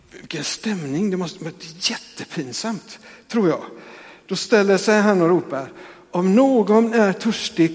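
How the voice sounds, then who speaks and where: A pastor giving a conversational sermon in a church, with frequent tag questions and restarts. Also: male voice, on the high side, a little mellow, in a large hall.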